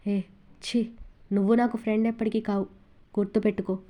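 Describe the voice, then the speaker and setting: A woman's voice: mid-range voice, flat delivery, a little fast, warm tone, lightly acted. A woman reading aloud, voicing a ruthless, obsessive young man who talks harshly and with contempt. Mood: furious.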